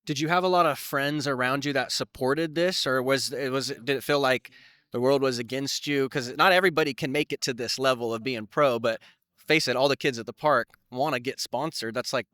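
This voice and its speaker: A man interviewing a skater in an excited, chatty way, full of slang. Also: mid-range voice, brisk, no echo, studio quality. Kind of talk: casual interview.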